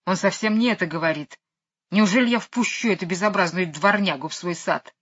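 A woman's voice: fairly quick, a bit bright, breathy edge. A woman reading an audiobook voices a fussy, hysterical older lady who wails melodramatically over her dog. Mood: indignant. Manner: shrill, wailing and melodramatic. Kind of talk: audiobook character voice. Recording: dull lo-fi recording.

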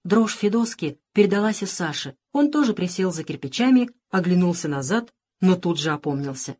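A woman reading a storybook aloud in a calm, even narrating voice. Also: lowish voice, normal speed, breathy edge. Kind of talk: scripted narration.

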